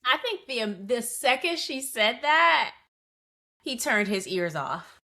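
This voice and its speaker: A woman's voice: fairly high pitch, very animated, slow, bright, forceful tone. A woman co-hosting a podcast, giving strong opinions in casual chat and firing off rhetorical questions. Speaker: podcast co-host.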